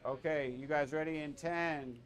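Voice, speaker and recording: Man, blunt, swearing, casual banter, slightly high voice. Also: fairly even intonation, moderate pace. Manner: profane, blunt.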